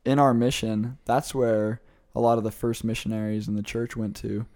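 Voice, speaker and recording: This guest, a young returned missionary from the American Midwest, responds to interview questions with enthusiasm, chattiness and frequent laughter. His fairly low, slightly mellow voice keeps fairly even intonation at a moderate pace.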